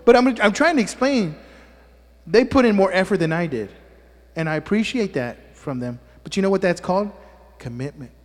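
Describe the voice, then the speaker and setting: In a large hall that serves as the church sanctuary, a man with a high-sitting, expressive voice delivers a sermon at normal speed. As pastor, this native Spanish speaker pokes fun at his congregation and repeatedly checks in with "amen?"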